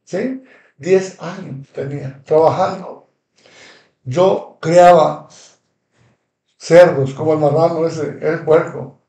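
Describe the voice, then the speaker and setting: A man's voice: fairly high pitch, slow, vocal fry, long pauses, warm tone. A man with a Mexican Spanish accent hosting a live stream, reading viewer comments aloud and rambling in heated, repetitive insults. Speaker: livestream host. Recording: roomy echo, distant from mic.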